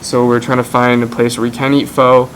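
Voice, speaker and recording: Casual young male travel vlogger, chatty, middle pitch, faint background hum. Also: little pitch movement, brisk, poor audio. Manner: chatty, explains to camera. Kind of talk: casual vlog chat.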